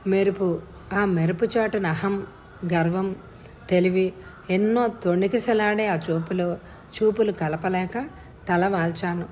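A woman narrating a first-person story as an audiobook reader, in a measured, reflective way. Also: mid-range voice, a little mellow, a little hiss or hum.

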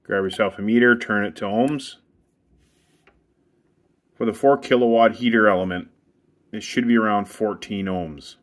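Outdoors beside a hot tub equipment bay, a man works with his hands while giving a casual, plain, step-by-step how-to on testing the heater. His voice is on the low side, and he speaks at a moderate pace with frequent pauses.

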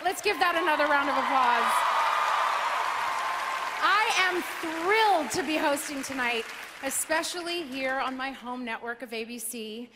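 Self-mocking woman host, high pitch, noisy live arena behind her. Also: a little slow. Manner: playful, self-mocking, bursts into sung lines. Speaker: awards show host. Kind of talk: comedic opening monologue. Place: large live arena stage. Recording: live arena sound with loud crowd. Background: audience applause and cheering.

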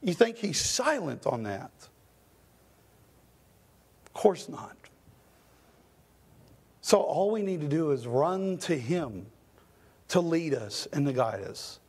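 Gravelly, impassioned male pastor preaching. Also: fairly high pitch, very animated, slow, pauses often, a little mellow. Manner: impassioned, with rising questions and stammered restarts. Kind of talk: sermon. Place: church sanctuary.

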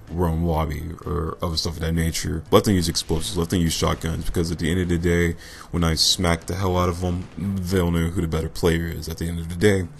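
A young man giving casual, rambling gameplay commentary, self-deprecating and a bit monotone and tired. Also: low voice, gravelly. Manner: rambling, self-deprecating, loose filler-heavy talk; says he sounds a little monotone and tired. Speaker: gaming commentator.

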